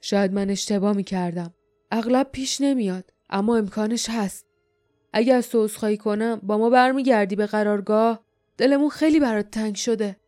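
A woman voicing a stern, cool-headed older male leader, speaking calmly and gruffly with a dry, sardonic edge. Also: mid-range voice, no room sound, faint music behind, lightly acted. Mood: wry.

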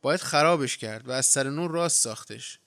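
Male reader as a cantankerous old man, stubborn, smooth clear tone. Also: mid-range voice, a bit bright, natural voice. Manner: stubborn, fault-finding. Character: quarrelsome nagging old man.

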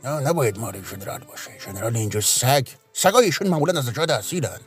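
A man voicing a low-voiced, hesitant subordinate policeman who mutters under his breath. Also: lively intonation, slightly rough, faint music behind. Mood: muttering.

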